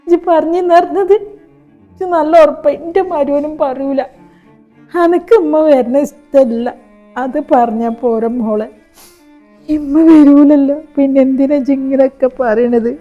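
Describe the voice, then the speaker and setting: Playing a poor elderly widowed mother in a short skit, an older woman speaks with a Malappuram Malayalam accent, pleading and wounded. Her high-pitched, warm voice sounds close to everyday speech, and the sound is lo-fi.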